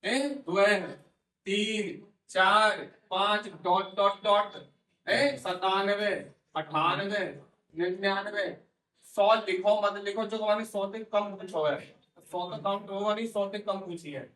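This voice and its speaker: High-voiced man teaching maths in echoey room. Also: takes it slowly, bright, forceful tone. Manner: coaxing, quizzes students, repeats answers. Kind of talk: classroom maths lesson. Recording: echoey room, voice from far off mic.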